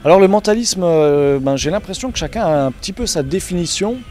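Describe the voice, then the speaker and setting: A man's voice: sits high, animated, brisk, a little mellow, faint music behind. A man working as a mentalist, explaining his craft in a conversational interview. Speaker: mentalist magician.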